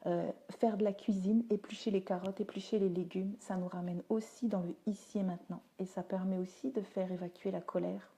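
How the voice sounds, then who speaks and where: Medium in pitch and mellow, her voice stays fairly even, moving a little fast with hardly any pauses. She's a teacher and parenting speaker chatting down-to-earth on a phone or webcam livestream, answering viewers' comments and using many fillers.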